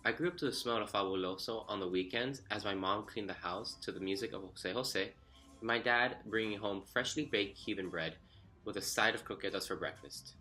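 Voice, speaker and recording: A young man from Miami narrates a personal essay in an earnest, reflective read. His voice sits a little low but comes across bright and forceful. Faint music plays beneath him. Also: normal speed. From Miami, Florida. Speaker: student storyteller.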